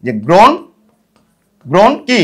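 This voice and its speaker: A man's voice: high-pitched, takes it slowly. A middle-aged man teaching a grammar lesson for exam preparation, asking the class questions and answering them himself, and repeating words to drill them. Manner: lively, emphatic delivery.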